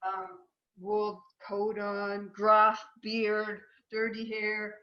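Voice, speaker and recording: A woman guest in a conversational interview, telling a personal story in an animated way. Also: medium pitch, extremely slow, dull audio. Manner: animated storyteller, voice jumps up for quoted outrage. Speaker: guest, co-author.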